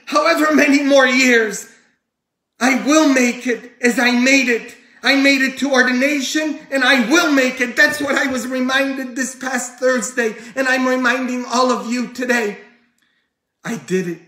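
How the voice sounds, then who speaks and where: A middle-aged male priest preaching a heartfelt homily, moving between loud pleading and quiet, intimate words. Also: high-pitched. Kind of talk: sermon. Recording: echoey room.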